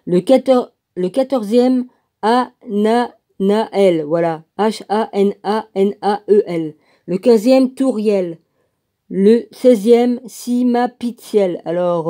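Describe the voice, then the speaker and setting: Slow woman reading aloud, dark voice. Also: medium pitch. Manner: slow, spells out names letter by letter, comments as she goes. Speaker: reader of a religious text. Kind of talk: casual reading aloud with asides.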